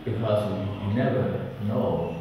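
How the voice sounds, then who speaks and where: A man's voice: lowish voice, slow. A middle-aged man from Vietnam, recalling his past hesitantly with repeated words and many fillers. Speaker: interviewee. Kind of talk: documentary interview recollection. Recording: echoey hall, distant mic, background noise.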